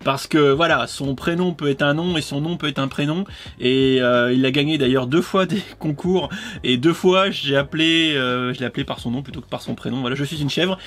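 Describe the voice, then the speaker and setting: A man from France talks in a casual unboxing chat. His voice sits a touch higher than most men's. He teases the people who sent him parcels, stumbles over his words and restarts sentences as he goes. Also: brisk, a bit bright, soft background music. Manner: chatty and teasing, with frequent stammered restarts and laughter. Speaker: YouTube creator opening fan mail.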